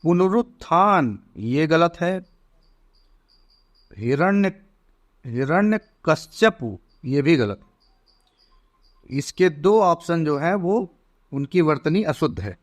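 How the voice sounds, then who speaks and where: Male teacher going slow over each word, kinda high voice, exam prep lesson. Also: lively intonation. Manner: slow, deliberate, spells out words one by one.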